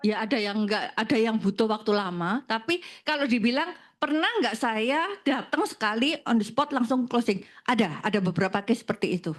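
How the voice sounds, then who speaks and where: A woman guest who works as a financial planner, telling animated anecdotes in casual conversation and laughing often. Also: fairly high pitch, normal speed, few pauses. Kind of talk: conversational storytelling.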